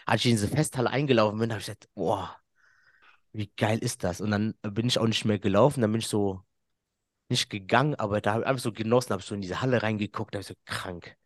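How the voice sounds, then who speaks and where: A man's voice: lowish voice, steady tone, rapid-fire, dry recording, clean studio sound. A man, a podcast guest who tells a story in casual chat, laughs often and acts out what people said.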